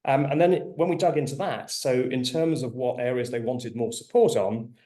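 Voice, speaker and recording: A man moderating an online panel informally, with a halting delivery full of fillers. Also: medium pitch, dark tone. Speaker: webinar moderator.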